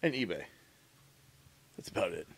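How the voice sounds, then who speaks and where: A man's voice: low voice, sing-song, moderate pace, vocal fry, husky. Profane joking man on a podcast. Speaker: podcast co-host. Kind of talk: casual chat.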